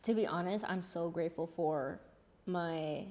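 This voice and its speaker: A woman's voice: on the low side, unhurried, a little mellow, in a large hall. A young woman from El Salvador, a chatty interview guest who laughs often and fills her talk with "like". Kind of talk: casual interview. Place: studio.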